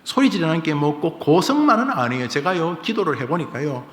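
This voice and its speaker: A male pastor preaching a fervent sermon, swinging between quiet pleading and loud outbursts. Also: fairly high pitch, lively intonation, brisk. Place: church sanctuary. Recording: echoey church hall with long reverb.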